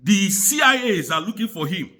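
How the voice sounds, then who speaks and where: A man with a high, bright voice delivers a heated political rant. His pitch swings all over the place as he repeats his charges in an angry, preaching tone. He speaks throughout. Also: sing-song, moderate pace. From Nigeria. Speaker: commentator.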